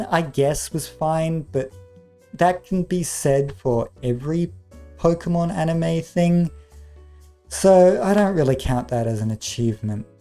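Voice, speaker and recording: A man's voice: fairly high pitch, mellow. Give me a sarcastic, swearing man tearing into a movie, with faint music behind him. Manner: sarcastic, exasperated, swears often. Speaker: movie reviewer. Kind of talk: comedic review commentary.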